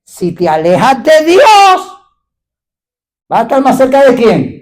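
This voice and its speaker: A man's voice: very high voice, slow. A male pastor preaching a fiery sermon at a church gathering, questioning the crowd and calling out hallelujah. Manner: animated, exclaiming hallelujah, questioning the congregation.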